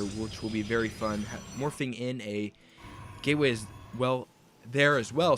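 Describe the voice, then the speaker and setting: A young esports caster with a medium-pitched voice gives play-by-play commentary on a strategy game, speculating about each move as it unfolds. A little hiss or hum is audible.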